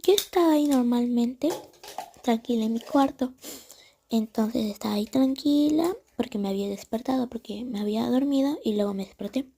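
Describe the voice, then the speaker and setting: A woman's voice: a little high, normal speed, warm tone, a little hiss or hum. A young woman telling a storytime in a casual, chatty way, with many fillers and whispers at the tense parts. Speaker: storytime vlogger.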